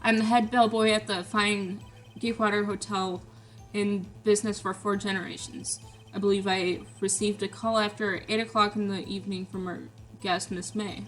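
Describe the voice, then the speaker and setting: A woman voices a fussy, prim bellboy giving testimony in a game. He is stiffly formal and tacks "sir" onto his answers, at a middling pitch, with faint music playing behind. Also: little pitch movement, moderate pace, natural voice. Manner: formal, ends lines with a clipped "sir". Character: prim, fussy male hotel bellboy witness.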